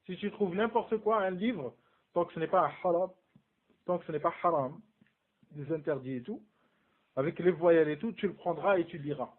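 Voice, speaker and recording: A man's voice: fairly high pitch, moderate pace. A man giving a casual religious lesson, asking his students rhetorical questions and mixing in Arabic terms. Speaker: Islamic studies teacher. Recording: phone-like narrow band.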